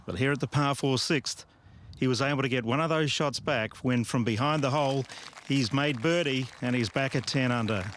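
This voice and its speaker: A man giving measured golf commentary as an analyst, describing play in clipped present-tense phrases. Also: medium pitch, fairly bright tone, a little hiss or hum.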